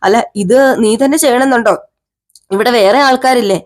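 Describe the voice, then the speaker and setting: A woman's voice: fairly high pitch, fairly quick, lightly acted. A woman voicing a caring young husband who coaxes his wife fondly and scolds her in mock sternness.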